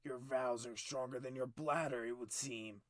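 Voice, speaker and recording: A man's voice: medium pitch, fairly even intonation, normal speed, no echo, pitched above the performer's own voice, close to an everyday voice. A man doing a stern cold king. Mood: cold, commanding. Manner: clipped, commanding, raised and forceful. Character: stern, cold middle-aged male king.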